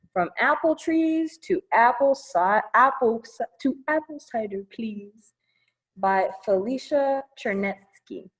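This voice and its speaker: A woman reads a picture book aloud for children's storytime, adding chatty asides in an expressive, singsong style aimed at young kids. Her pitch is fairly high, and the audio is poor.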